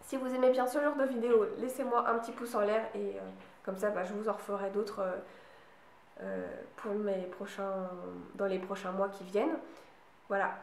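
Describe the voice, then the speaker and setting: A woman's voice: mid-range voice, steady tone, normal speed, darkish tone, reverberant, a little hiss or hum. A woman vlogging casually about books she bought, hesitating often with fillers and restarts. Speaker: book vlogger. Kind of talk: casual book haul chat.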